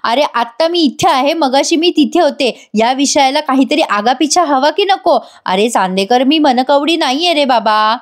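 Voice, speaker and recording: A woman's voice: high voice, lively intonation, normal speed, few pauses. A woman voicing a sassy young wife who teases her husband and dodges his questions in chatty, playful talk. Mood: teasing. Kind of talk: acted voice in an episode recap.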